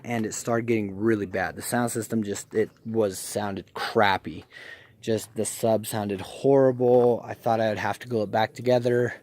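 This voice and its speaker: A young man casually telling a rambling story, animated and full of "I'm like" and "right?". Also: mid-range voice. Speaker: vlogger.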